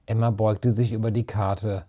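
A man narrating a children's story in a calm, even storytelling manner. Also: fairly low pitch, normal speed. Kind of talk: audiobook reading of a children's story.

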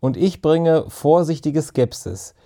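A man's voice: fairly high pitch, expressive, takes it slowly, mellow, voice pushed up. A man voicing a careful, skeptical schoolboy with a dry, sensible manner.

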